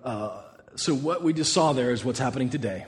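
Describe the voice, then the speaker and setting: Casting note: male pastor, energetic and direct with the congregation, reverberant hall. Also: medium pitch, brisk. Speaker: pastor interviewing a guest. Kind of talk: sermon-time interview.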